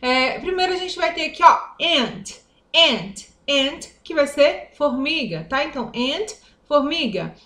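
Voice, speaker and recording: A Brazilian woman teaching English vocabulary in an upbeat, chatty way, slowing down to repeat each English word. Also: sits high, animated, bright, forceful tone, echoey room. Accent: Brazilian Portuguese. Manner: upbeat, chatty, slows down to drill English words. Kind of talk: online vocabulary lesson.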